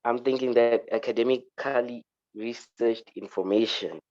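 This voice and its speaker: A man's voice: medium pitch, fairly even intonation, normal speed, darkish tone, lo-fi sound. A man student answering a question in an online class, hesitant and unsure of his answer.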